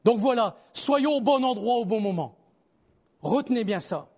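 Here a man preaches at a moderate pace, his manner animated and conversational. Loud appeals to the crowd give way to soft, murmured side comments.

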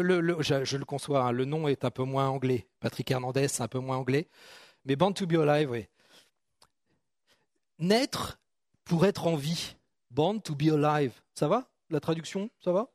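A man preaching in a chatty, joking way, often breaking off and starting over as he talks to his congregation. His voice sits high for a man. The sound is close and dry, with no room echo. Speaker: pastor. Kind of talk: sermon.

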